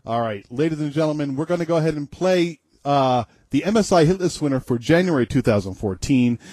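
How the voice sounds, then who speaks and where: A man co-hosting an internet radio show in casual chat, jokey and quick to laugh, stumbling over his words. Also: on the high side, lively intonation, a little mellow, dry recording.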